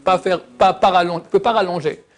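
A religious teacher with a fairly high voice gives an informal lesson on Hebrew pronunciation. He stretches out example words slowly, sometimes nearly singing them, and slips in teasing comments. His manner is lively throughout.

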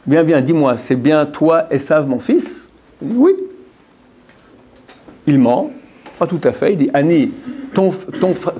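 A man's voice: a little high, warm tone, a little hiss or hum. A man giving a Torah lesson to a group of men, repeating phrases and putting questions to his listeners. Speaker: Torah teacher.

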